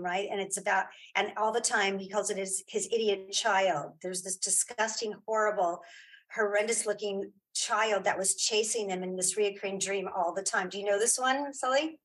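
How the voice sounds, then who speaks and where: In a casual interview chat, a female guest who creates podcasts and audio dramas is emphatic and encouraging, repeating phrases to make her point. Her voice is mid-range, and the audio is poor.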